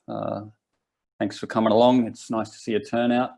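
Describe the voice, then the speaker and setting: On the low side and a little mellow, this man's gravelly voice holds a level tone at normal speed. He is a twenty-something Australian hosting a casual live workshop, rambling easily and frequently restarting sentences.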